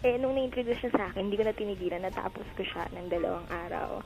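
A woman from the Philippines who has called in to a radio show and speaks over the phone line. She answers in a hesitant, hushed way because she is at work. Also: medium pitch, fast, creaky. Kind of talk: casual call-in chat. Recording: music playing underneath.

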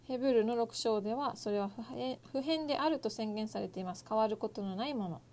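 A woman interpreting a Bible lesson phrase by phrase, with fillers and quick self-corrections. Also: fairly high pitch, darkish tone.

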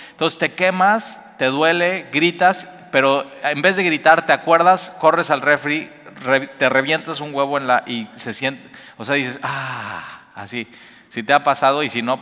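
A man's voice: mid-range voice, bright, forceful tone. A man giving an informal devotional Bible teaching. He talks in a conversational way, with frequent filler sounds, and acts out everyday scenes. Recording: long reverb, hall-like room.

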